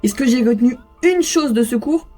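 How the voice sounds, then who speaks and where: A woman's voice: on the high side, normal speed, mellow. A young woman student chatting casually in a vlog, self-mocking and swearing often, recorded in her bedroom. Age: young adult. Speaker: student vlogger. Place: bedroom at home.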